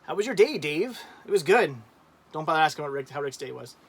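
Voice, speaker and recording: A man's voice: fairly high pitch, sing-song, fairly quick, husky. Laughing, rambling man in his thirties. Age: 30s. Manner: rambling, laughs often, many restarts. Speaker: livestream co-host. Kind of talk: casual chat.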